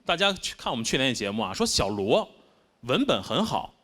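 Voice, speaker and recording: A man's voice: medium pitch, sing-song, brisk, fairly bright tone. A man with a Beijing accent doing a stand-up comedy set, wry and self-mocking in his delivery. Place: stage before a live audience. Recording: constant background noise.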